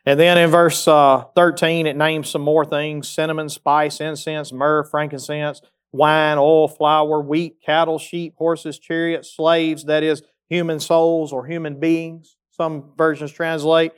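A man preaching a sermon, reading scripture aloud and rising in pitch as he urges his listeners on in a plainspoken, folksy way. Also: little pitch movement, a little slow, few pauses, smooth. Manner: reads scripture aloud, rises in pitch when exhorting. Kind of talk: sermon, Bible study teaching.

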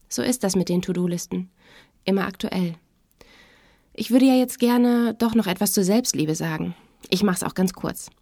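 A woman's voice: mid-range voice, mellow, no echo, studio quality. A woman therapist hosting her podcast, reading a story and commenting in a conversational, self-ironic way. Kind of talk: podcast narration.

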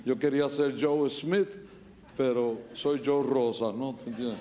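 A man's voice: medium pitch, fairly even intonation, dark tone. A middle-aged man from Puerto Rico with a Puerto Rican accent, preaching a humorous sermon at a church service, full of jokes and stories. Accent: Puerto Rican Spanish. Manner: joking, storytelling, quick asides. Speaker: pastor.

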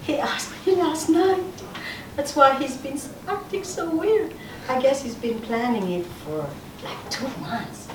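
A woman's voice: sits high, animated. Giddy newly engaged hostess, read by a woman student; bubbly, sing-song, recorded from far off in a noisy room. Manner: bubbly, rushed line reading. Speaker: acting student. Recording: roomy classroom audio from far off, noisy.

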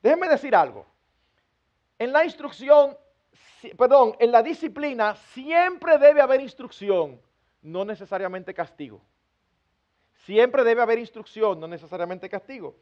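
A man's voice: very high-pitched, expressive, measured pace, muffled recording. A man, a pastor, preaching an earnest sermon to his congregation and acting out everyday family scenes with humor. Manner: earnest, acts out parents scolding children with humor.

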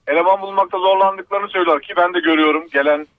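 A man's voice: high voice, fairly even intonation, very fast, dry recording. A man calling in to a radio show over a landline telephone, speaking emphatically and insistently. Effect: landline telephone line. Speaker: radio call-in caller. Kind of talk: call-in opinion. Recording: dry tinny phone line.

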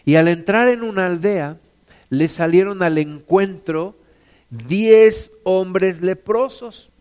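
High-voiced male preacher with a smooth tone. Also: slow pace. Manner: acts out quotes with raised, shouting voice; addresses congregation as sisters and brothers. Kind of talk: sermon.

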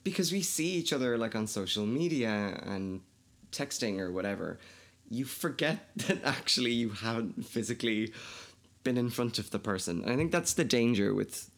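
An Irish podcast host from Kildare runs a casual, chatty conversation in an animated, medium-pitched voice at a moderate pace. He laughs often and swears freely.

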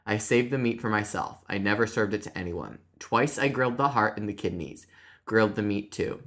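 A woman's voice: extremely low pitch, brisk. A woman reading aloud the confession of a male Russian killer, putting on a half-hearted voice for him. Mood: reading flatly. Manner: flat confession read aloud, breaking into giggles. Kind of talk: true crime podcast reading.

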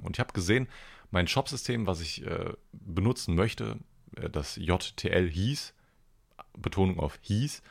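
A man hosting a podcast, telling a rambling everyday story in a casual, self-deprecating way and swearing now and then. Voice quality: deep gravelly voice. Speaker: podcast host.

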